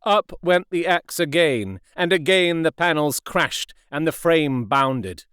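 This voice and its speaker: A man narrating a classic novel as an audiobook in a measured, expressive way. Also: fairly high pitch, clear, resonant tone, no room sound, studio quality. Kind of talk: scripted narration.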